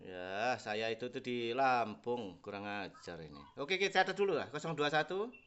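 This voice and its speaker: A man's voice: mid-range voice, animated, normal speed, fairly bright tone, clear, resonant tone. A man talking informally and bluntly as a customer on a muffled phone call. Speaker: customer phoning a bank call centre. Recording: muffled lo-fi telephone line.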